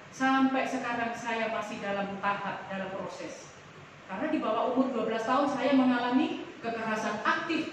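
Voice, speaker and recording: Animated woman, church teacher; distant mic, booming hall reverb, faint room hum. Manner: animated, acts out little dialogues in other voices. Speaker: church speaker teaching a congregation. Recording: very echoey hall from far off.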